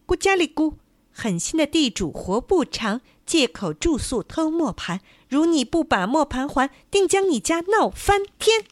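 A woman voicing a brave, determined male rooster with a high, bright crowing voice in a storybook tale. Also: big pitch swings, normal speed, no echo.

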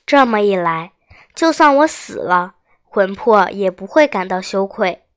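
A woman's voice: medium pitch, expressive, a little slow, smooth, lightly acted. A woman voicing a proud, grieving male retainer with a solemn, resolute manner in a storybook tale. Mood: solemn resolve.

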